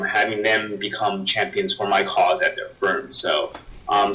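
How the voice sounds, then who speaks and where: A man in his thirties from the United States introducing himself as a student career mentor, halting with many ums and uhs. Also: lowish voice, bright, forceful tone, recorded from a distance, rough recording. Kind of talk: self-introduction.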